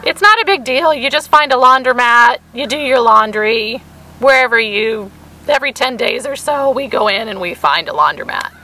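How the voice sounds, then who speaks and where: High, crackly-voiced woman vlogger. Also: expressive, moderate pace, sharp tone. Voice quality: crackly, hoarse voice. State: hoarse for weeks. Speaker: vlog co-host. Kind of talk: casual chat to camera.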